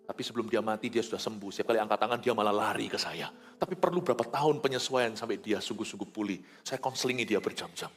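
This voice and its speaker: A man preaching a sermon as a pastor, animated and swinging between loud emphasis and quiet asides. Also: fairly low pitch, quick pace, slightly rough, in a large hall, faint music behind.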